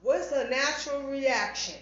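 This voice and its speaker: A woman's voice: high voice, unhurried, a bit bright. A woman co-hosting a podcast in casual chat. She talks bluntly and insistently, pressing with rhetorical questions. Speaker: podcast co-host. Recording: very echoey, dull podcast audio.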